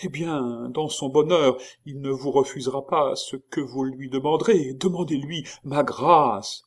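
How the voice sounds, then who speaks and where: Un homme qui fait la voix d'un gros moine terrifié, qui supplie en gémissant d'une voix haute et traînante. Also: male voice, natural voice. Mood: whispering urgently. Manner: high wailing pleas, slowed and drawn out. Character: fat terrified male monk, pleading and whining.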